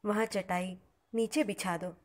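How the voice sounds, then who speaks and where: A woman reading as a gentle, motherly elderly holy woman. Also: medium pitch, fairly even intonation, a little slow, close to an everyday voice. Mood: tender.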